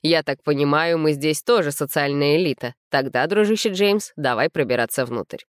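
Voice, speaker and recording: A wry young hero speaks in a casual, offhand way, as a woman reading the story voices him. The voice stays low and close, with a dry sound. It is a figure in an audiobook. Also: normal speed, clean tone, no echo, close to an everyday voice.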